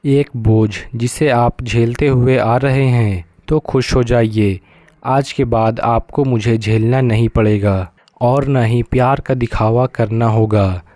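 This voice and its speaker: A man's voice: medium pitch, fairly even intonation, slow pace, warm tone, no echo, lightly acted. A man voicing a hurt, angry young man with a bitter, accusing manner, in a storybook reading.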